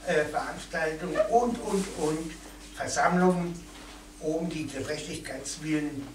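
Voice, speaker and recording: A male interpreter at a café talk, working slowly through each phrase and pausing often on fillers. His voice sounds distant in a roomy, echoing space. A faint noise runs beneath it. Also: on the high side. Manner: hesitant, many fillers and restarts. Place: event room in a café.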